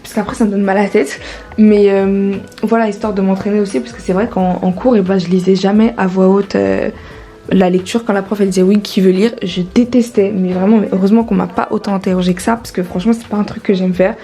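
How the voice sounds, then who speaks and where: A woman's voice: mid-range voice, fairly even intonation, fast talker, dark tone, poor audio. A teenage girl chatting casually through her vlog, with many fillers and restarts. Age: teens. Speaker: vlogger.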